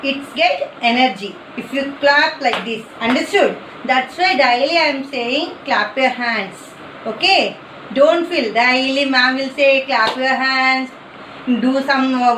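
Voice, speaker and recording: A woman's voice: high voice, a bit bright, echoey room, slight background noise, low-quality recording. A woman teaching an online class for young children, giving simple, repeated instructions in nonstandard grammar. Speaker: primary school teacher.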